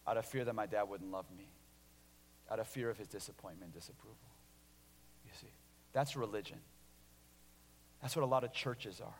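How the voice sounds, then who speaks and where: Pastor guy in his 30s preaching, storytelling, lots of restarts, loud then hushed, big echoey hall. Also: fairly low pitch, brisk, long pauses, slight background noise. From Illinois, USA. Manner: animated storytelling, many restarts, swings between loud and hushed. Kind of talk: sermon with personal story. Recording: long hall reverb.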